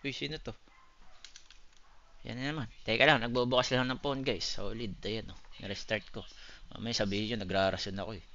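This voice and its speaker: A man's voice: medium pitch, steady tone, a little fast, sharp tone, muffled recording. A man chatting loosely with his live-stream viewers, swearing often and calling them buddy. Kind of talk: casual live-stream chat answering viewers.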